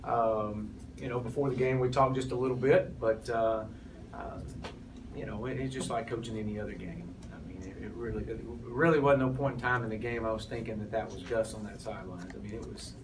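A head football coach in his forties responds to postgame press conference questions with lots of restarts and fillers, speaking in a lowish voice a touch fast. The press room has a sponsor backdrop, and a cluster of table mics catches him from off, sounding distant in the noisy space.

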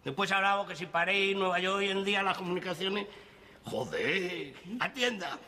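A middle-aged man with a Spanish accent in a sitcom, pompous and indignant, quick to raise his voice. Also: high voice, little pitch movement, pushed and bright. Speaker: sitcom character, grown son. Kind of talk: sitcom acting.

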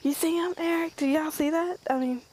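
A woman fishing off a pond dock, excited and giggly, calling out her catches to her husband on an action camera. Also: high-pitched, fairly quick, slight background noise, rough recording. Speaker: angler, host's wife. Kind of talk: casual fishing vlog chat.

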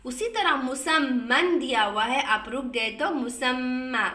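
A woman teaching Quran recitation rules, patiently explaining and drawing out example words slowly. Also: sits high, lively intonation, sharp tone, roomy sound, recorded from a distance. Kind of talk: explaining Tajweed rules to students.

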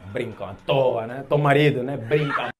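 A man doing stand-up comedy, animated and laughing often with loud exclamations. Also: medium pitch, normal speed, background noise.

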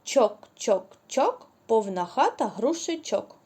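A woman teaching a preschool reading lesson, drawing out syllables slowly and praising the children cheerfully. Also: fairly high pitch, very animated, mellow, slightly rough. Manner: slow, drawn-out syllables when modeling words. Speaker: kindergarten teacher.

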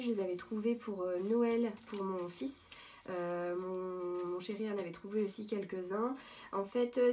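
Mellow-voiced woman chatting casually. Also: mid-range voice, slight background noise. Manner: chatty, hesitant with many fillers and restarts. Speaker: vlogger showing thrift finds. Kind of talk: casual show-and-tell vlog. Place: at home, indoors.

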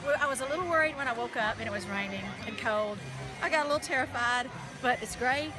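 A woman's voice: a little high, fast talker. A woman in her thirties chatting casually in an interview, recorded outdoors on a beach. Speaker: event participant being interviewed. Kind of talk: casual street interview chat. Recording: outdoor camera audio with music and crowd. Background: music and crowd.

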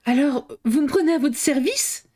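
A woman voicing a humble, eager male museum guard who shouts with loud, drawn-out exclamations. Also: medium pitch, lightly acted. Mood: excited.

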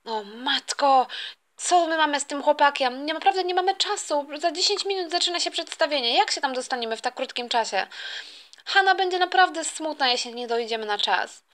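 A frazzled mother who scolds and nags her family to get moving, her voice high and bright, as a woman puts her on in a game role-play. She sounds exasperated at every turn. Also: lively intonation, a little fast.

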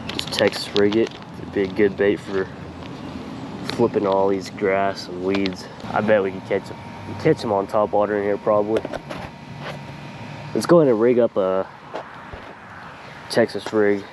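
Low-pitched man, casual creaky fishing vlogger. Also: noisy background. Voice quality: slightly creaky voice. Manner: laid-back, slangy, talking to viewers. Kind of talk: casual chat while fishing. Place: outdoors by a small pond.

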